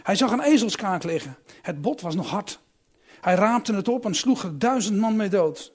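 A man's voice: sits high, animated, moderate pace, husky. A man reading a Bible passage aloud and then explaining it in a musing, conversational way with a few restarts.

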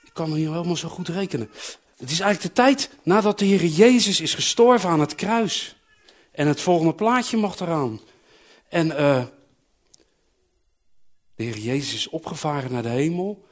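Animated man telling a children's sermon. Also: fairly high pitch. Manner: animated, acts out characters' voices and calls, asks the listeners questions. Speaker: preacher telling a Bible story to children.

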